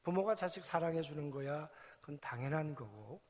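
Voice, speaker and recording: A man's voice: a little high, expressive, brisk. A male pastor preaching a sermon reflectively, asking his congregation rhetorical questions. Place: church sanctuary. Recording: long church hall reverb.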